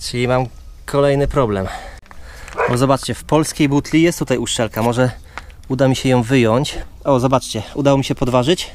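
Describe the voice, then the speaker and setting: A man talks his viewers through a job in a relaxed, explanatory vlog voice, recorded outdoors on a body-worn camera at a campsite. His pitch sits in a middle range. Faint outdoor noise runs behind him. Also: moderate pace. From Poland. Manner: chatty, explaining step by step to viewers. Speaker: vlogger and father. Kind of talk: casual how-to vlog narration. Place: outdoors at a campsite beside a caravan.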